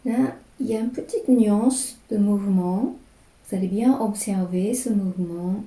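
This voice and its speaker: Woman slowly walking thru brush strokes, soft mellow voice, echoey room. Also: medium pitch. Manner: slow, calm, describing each stroke as she writes. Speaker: calligraphy teacher. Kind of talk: step-by-step brush lesson.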